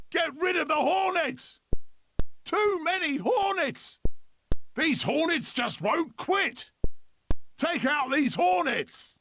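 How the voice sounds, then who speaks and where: Buck, gravelly, manic swashbuckling weasel. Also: male voice, extremely high pitch, sharp tone, slight background noise, full character voice. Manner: theatrical, manic barking. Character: eccentric swashbuckling cartoon weasel adventurer in a game.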